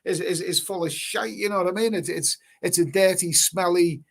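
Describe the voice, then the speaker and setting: Over a webcam stream mic, a man with a high-pitched, breathy voice and some vocal fry talks at a moderate pace. He's casually live streaming, reading chat out loud and rambling with lots of repeated words and offhand swearing.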